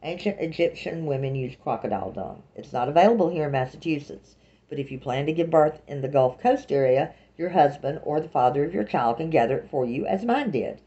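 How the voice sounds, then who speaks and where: A woman's voice: low-pitched, lively intonation, a little fast, dark tone, highs cut off. A woman voicing an earnest, zealous woman who lectures on a fringe cause.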